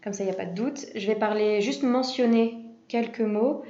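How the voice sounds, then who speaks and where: A woman giving a prepared practice speech to interpreters, relaxed and conversational, with frequent hesitations. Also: mid-range voice, normal speed, roomy sound, lo-fi sound.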